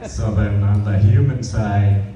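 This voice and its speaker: A man with a low, very dark and mellow voice tells loose stories of a coach at a memorial, halting on filler words. He is heard from far off in a big echoey hall, the sound muffled and dull. A faint hum sits behind him. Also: fairly even intonation. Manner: informal, rambling, many "uh"s. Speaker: parent speaking at a memorial. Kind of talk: personal storytelling at a memorial. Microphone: distant room mic.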